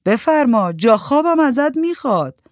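A woman's voice: sits high, very animated, dry recording, studio quality, voice pushed up. A woman voicing a scornful, tough young woman smoker who talks in blunt, sneering street speech.

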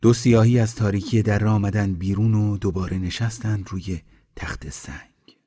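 A man reading a folk tale aloud in a measured, even narration. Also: on the low side, background noise. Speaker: storyteller.

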